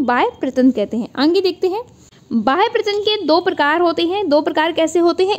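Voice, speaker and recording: A young woman teaching an online exam-prep class, mixing English words into Hindi and repeating key points as questions she then answers herself. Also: extremely high pitch. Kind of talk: online lecture.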